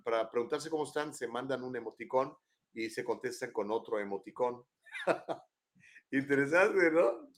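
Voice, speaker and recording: An older man with a Mexican accent hosting a live show from his home, chatting in a rambling way and tagging questions onto his sentences. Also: mid-range voice. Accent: Mexican Spanish. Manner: rambling, chatty, keeps adding tag questions. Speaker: host. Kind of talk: casual live-show chat.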